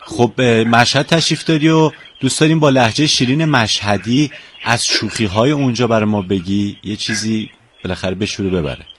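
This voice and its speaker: A man's voice: mid-range voice, fairly bright tone, a little hiss or hum. Guy hosting a radio show, friendly and chatty, lots of praise for the guest. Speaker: radio host. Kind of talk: radio interview chat.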